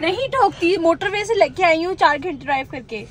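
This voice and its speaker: A woman's voice: very high-pitched, lively intonation, brisk, a little hiss or hum. A woman in casual vlog chat, playful, coaxing and teasing. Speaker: vlogger's wife.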